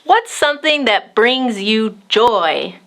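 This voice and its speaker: A slightly high-voiced woman reads a picture book aloud to children as a storytime host. She addresses her young listeners in an expressive, measured way.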